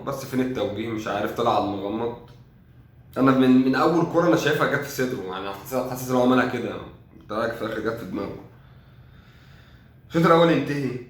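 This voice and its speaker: Young egyptian man, sarcastic football rant, quick delivery, echoey room. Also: medium pitch. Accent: Egyptian Arabic. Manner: sarcastic, exasperated, thinks aloud. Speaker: football fan commentator. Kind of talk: casual match review.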